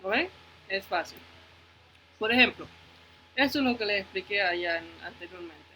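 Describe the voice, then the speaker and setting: A man's voice: high voice, moderate pace, pushed and bright, slight background noise, low-quality recording. A male teacher giving a phonics lesson to children, patiently repeating words and checking in with the class, moving between Spanish and English.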